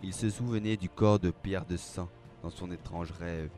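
A man narrating a dark fantasy story aloud, with a measured, dramatic reading. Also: sits low, fairly even intonation. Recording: faint background music.

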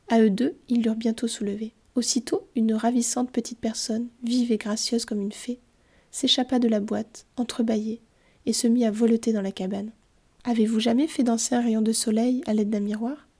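A woman reading a storybook aloud in a calm, measured way. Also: on the high side, husky. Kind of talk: scripted storybook narration.

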